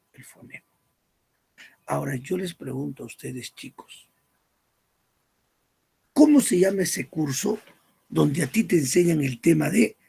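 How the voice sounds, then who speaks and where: A male language teacher lectures a class, posing questions and supplying the answers himself. His voice is gravelly and husky, with a fry in it, and sits fairly high for a man. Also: darkish tone. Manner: asks questions and answers them himself, stresses key words.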